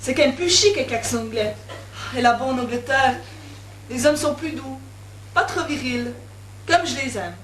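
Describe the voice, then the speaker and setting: A brazen, mercenary young woman, played by a woman in a stage comedy, cheeky and cynical, with a high voice. Heard from a distance on an echoey stage, with faint noise behind. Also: moderate pace, long pauses, a bit bright.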